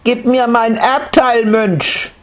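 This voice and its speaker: A man's voice: very high voice, fairly even intonation, takes it slowly, fairly bright tone, voice pushed up, full character voice. A man voicing a stubborn seven-year-old boy who insistently repeats his whiny demand in a storybook reading.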